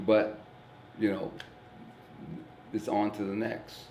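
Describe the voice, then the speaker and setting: A guest comedian from East St. Louis, Illinois, speaks with a fairly low, flat, slow voice that is creaky and mellow, with a little hiss or hum behind it. He talks earnestly and plainly in a casual, reflective conversation, swearing casually and repeating words as he thinks. The room gives the recording a noticeable echo.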